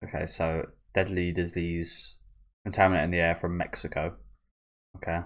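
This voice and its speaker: A man's voice: sits low, little pitch movement, normal speed, fairly bright tone. A man giving casual, rambling reaction commentary as the host of a video channel.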